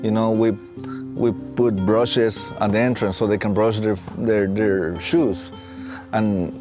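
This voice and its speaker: A man in his late thirties with a Mexican accent, telling his own story in a halting, reflective way. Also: fairly low pitch, fairly even intonation. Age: late 30s. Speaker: facilities and safety technician and staff trainer. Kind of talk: reflective personal storytelling for a training film. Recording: soft plucked guitar music behind. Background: guitar music.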